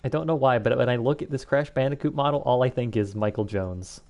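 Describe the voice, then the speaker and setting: A man's voice: medium pitch, a little fast, darkish tone. A man giving casual, offhand commentary while playing a video game, humming along and swearing now and then. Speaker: let's play host. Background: faint game music.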